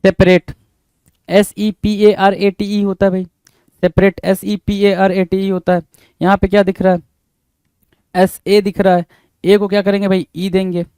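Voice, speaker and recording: Male tutor, higher voice with a mellow tone, spells words slowly and repeats them, recorded dry and close. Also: level tone, clear, resonant tone, dry recording. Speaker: teacher. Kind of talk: exam-prep spelling lesson.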